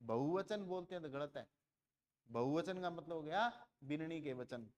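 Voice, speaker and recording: A man's voice: a little high, animated, unhurried. A man teaching a grammar lesson in a classroom, asking questions and answering them himself, and repeating words to compare how they sound. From India. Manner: repeats words to contrast vowel lengths.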